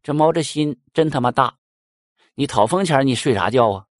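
A man voicing a fussy male underworld judge who chides and smooths things over. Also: mid-range voice, lively intonation, brisk, no room sound, studio quality, voice pushed up, close to an everyday voice. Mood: chiding. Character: male King of Hell judge, fussy peacemaker.

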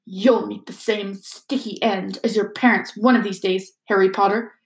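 A woman's voice: medium pitch, steady tone, normal speed, reverberant, natural voice. A woman voicing a haughty, menacing male wizard villain with a sneering, commanding delivery. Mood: cold menace.

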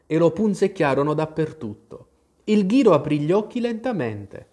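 A man reading a storybook aloud as narrator, with an expressive, varied delivery. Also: on the high side, normal speed.

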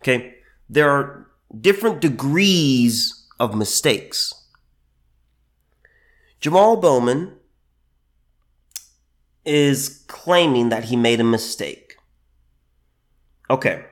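With a medium-pitched, animated voice, a man runs a solo commentary podcast while a bit under the weather from allergies. He pauses, repeats himself and uses plenty of fillers, and he slows his delivery to drive points home.

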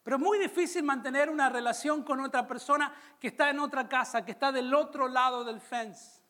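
A Latin American man preaching a sermon, calling out to his congregation and slowing down on key phrases. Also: extremely high pitch, pushed and bright. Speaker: pastor.

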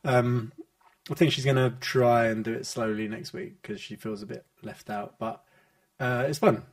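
A man's voice: mid-range voice, normal speed. A British man chatting casually on a podcast in a hesitant, loosely rambling way. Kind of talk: casual chat.

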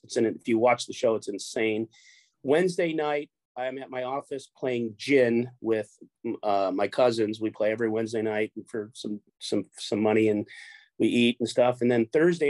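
Speaking at medium pitch with a darkish tone, this middle-aged Chicagoan, runner of a poker show, appears as a guest in casual chat. His talk wanders, with repeated words and plenty of swearing. There's no room sound.

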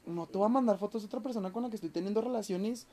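A woman hosting a podcast, relaxed and chatty as she trades stories with a guest. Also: medium pitch, very fast. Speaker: host. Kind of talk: casual chat.

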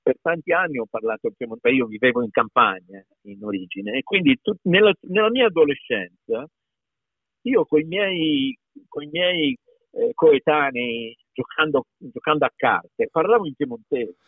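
Husky Piedmontese man on a thin line. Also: a little high, moderate pace, no room sound. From Piedmont, Italy. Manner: emphatic, repeats words, animated. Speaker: voice actor guest. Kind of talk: conversational interview. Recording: tinny phone-like call line.

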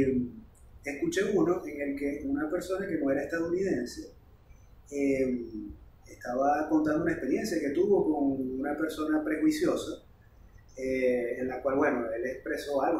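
A man, a language teacher explaining things in a casual, animated podcast chat. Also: fairly high pitch, a little hiss or hum. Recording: roomy, distant mic.

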